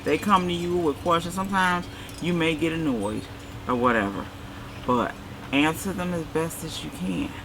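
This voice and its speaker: A woman's voice: deep voice, normal speed. Woman giving easygoing advice, noisy background. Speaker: co-host. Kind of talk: casual chat.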